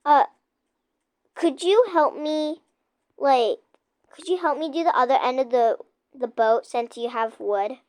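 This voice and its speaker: A high-voiced young girl chatting through a game on her channel, giggly and chatty, talking to her viewers in between. Her pace is slow and easy, and the mic sounds close and dry. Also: darkish tone, dry recording. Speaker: gaming channel host. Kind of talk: casual gameplay chat with a friend.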